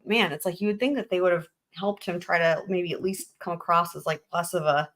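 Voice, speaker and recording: A woman's voice: on the low side, fairly even intonation, brisk, a bit bright. A woman reacting casually to trial footage as a commentator, blunt, informal and sarcastic.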